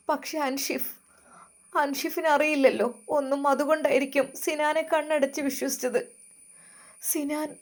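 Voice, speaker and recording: A woman voicing a young wife, tearful and defiant, refusing in raised, emphatic lines. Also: sits high. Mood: desperate.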